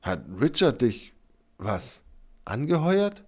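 A man voicing a brash, scornful young woman in a read-aloud story, raising his voice high for her. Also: big pitch swings, takes it slowly. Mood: teasing. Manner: mocking, then shouting in fury.

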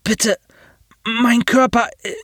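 A faceless cyborg pilot speaks in a thin, very high voice that stays flat and barely modulated. He groans out broken, urgent phrases. The sound is dry and close. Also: slow pace, no room sound, exaggerated voice. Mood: strained pleading. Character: injured cyborg pilot, man, faceless, mechanical.

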